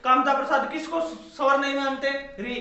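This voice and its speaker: A man lectures in a sharp, very high voice, repeating each point and firing questions at his students. The room rings with heavy echo, and the recording sounds muffled. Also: steady tone, brisk. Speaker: teacher. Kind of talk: classroom grammar lecture. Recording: echoey dull-sounding room.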